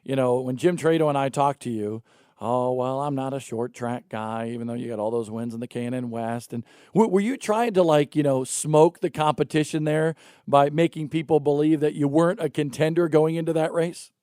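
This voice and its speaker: Male morning show host, chatty and teasing, slightly high voice with a dry studio sound. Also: fairly quick, dark tone, no echo. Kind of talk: casual morning show chat.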